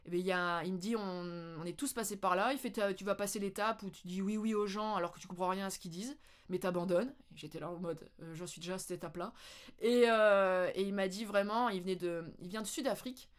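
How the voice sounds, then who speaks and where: French woman vlogging, chatty and animated, laughs a lot telling stories. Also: mid-range voice, quick pace. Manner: animated, laughing, with playful English mimicry. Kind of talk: casual storytelling.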